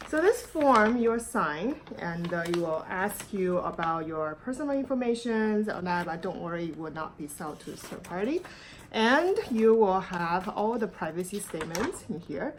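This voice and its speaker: A woman's voice: on the low side, expressive, normal speed, slight background noise. A woman from China, raised in the United States, talking casually to camera in a product review vlog, meandering with frequent ums and restarts. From born in China, raised in the United States. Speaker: YouTube vlogger.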